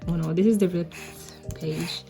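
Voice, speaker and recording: A woman's voice: on the low side, fairly even intonation, moderate pace, creaky, warm tone, faint music behind. A woman talking through her old comic in a casual voice-over, rambling and self-mocking, with lots of 'like'. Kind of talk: casual art commentary voice-over.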